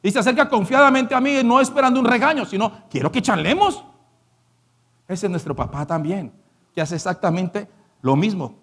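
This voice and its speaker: Pastor guy preaching, high voice, acts out the lines all chatty. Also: a little fast. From Colombia. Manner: animated preaching, acts out quoted lines in a casual colloquial voice. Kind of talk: sermon. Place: church.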